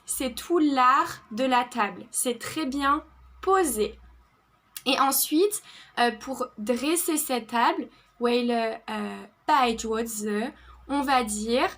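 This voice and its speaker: A young French woman with a Bordeaux French accent, teaching vocabulary and repeating each word slowly and carefully. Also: high-pitched, fairly bright tone. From France. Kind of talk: online vocabulary lesson.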